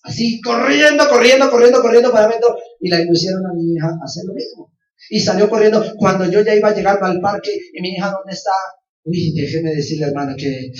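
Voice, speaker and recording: A man preaching as a pastor, telling a personal testimony with passion and often calling out to his listeners. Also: high-pitched. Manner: impassioned, repeats phrases and keeps calling out to his listeners. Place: church. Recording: roomy, distant and dull church recording.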